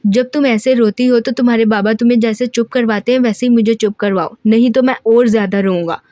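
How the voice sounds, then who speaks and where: A woman's voice: on the high side, fairly even intonation, fairly quick, warm tone, no echo, studio quality, natural voice. Woman doing a teasing young bodyguard. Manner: mock-childish, teasing.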